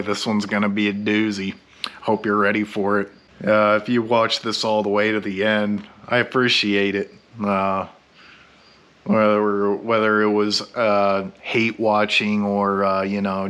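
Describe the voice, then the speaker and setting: A drunk man rambling through a blunt, profane vlog monologue, halting and meandering, stammering over his words. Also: fairly low pitch, fairly bright tone. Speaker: YouTube vlogger.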